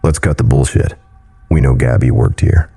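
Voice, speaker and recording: A man's voice: rumbling low, moderate pace, gravelly, dark tone, slightly rough, full character voice. A man voicing a steely female private investigator who speaks firmly and sternly. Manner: stern, assertive.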